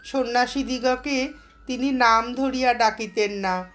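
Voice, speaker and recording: A woman narrating a devotional story in a slow, measured, reverent reading. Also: fairly high pitch, steady tone, fairly bright tone.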